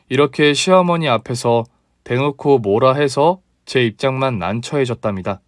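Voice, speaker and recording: A man narrates a dramatized story in a steady, even reading style. His voice sits at a middle pitch, with dry, close sound. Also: no echo.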